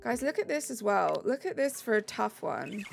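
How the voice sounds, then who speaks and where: This British woman chats casually on a game stream, light music behind her, reading viewer messages aloud in a bubbly way. She speaks at a moderate pace in a medium-pitched voice with vocal fry, sounding very animated.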